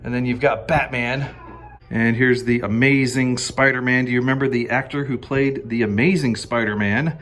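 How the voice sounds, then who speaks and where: A man vlogging a walk through an indoor wax museum, chatting with his viewers and quizzing them with questions, often pausing with fillers and restarts. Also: medium pitch, steady tone, a bit bright. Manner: hesitant, frequent fillers and restarts. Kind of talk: casual walk-through commentary.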